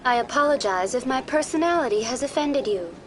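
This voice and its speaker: A woman voicing a smooth, polite female virtual-intelligence tour guide in a video game, calm, formal and too smooth, like an android. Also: high voice, fairly quick, slight background noise. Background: music.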